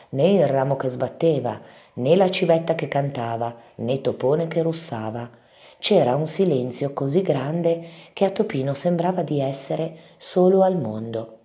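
A woman preschool teacher reading a bedtime story aloud to children, gentle and expressive. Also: rumbling low.

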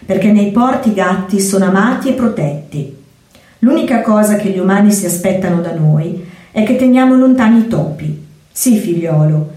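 A caring mother cat speaks seriously and steadily to her kitten, as a woman reads her in a storybook. Her voice is dark and mellow, and the recording sounds roomy and distant. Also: medium pitch, lightly acted. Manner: earnest, warning, motherly. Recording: echoey room, far from mic.

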